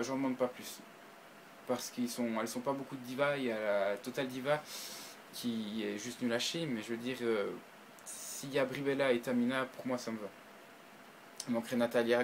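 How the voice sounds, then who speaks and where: Male reviewer, mid pitch, casual talk to viewers. Halting, full of restarts, flares up with excitement. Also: a little hiss or hum, poor audio. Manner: hesitant, frequent restarts and fillers, bursts of excitement. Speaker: video reviewer. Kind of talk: casual spoken review to camera.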